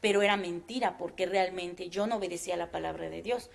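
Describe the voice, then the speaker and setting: A woman giving a personal faith testimony in an interview, speaking earnestly and haltingly with many fillers. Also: lowish voice, gravelly.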